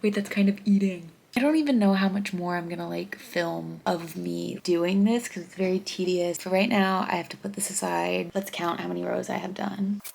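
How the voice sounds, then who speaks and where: Low-voiced young woman vlogging, gravelly. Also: fairly even intonation, normal speed, few pauses, darkish tone, a little hiss or hum. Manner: chatty, candid, self-deprecating. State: runny nose. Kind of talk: casual voice-over vlog.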